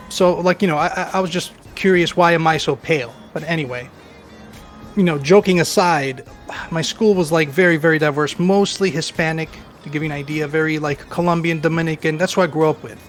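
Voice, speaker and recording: A man around forty, chatting casually as a guest and telling his life story in a rambling, self-deprecating way with many fillers. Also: on the high side. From Queens, New York. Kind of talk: casual chat.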